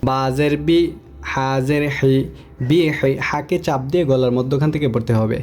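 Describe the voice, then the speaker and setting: A man teaching Quran recitation, slowly spelling out and chanting Arabic syllables between quicker spoken explanations. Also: mid-range voice, darkish tone, faint music behind.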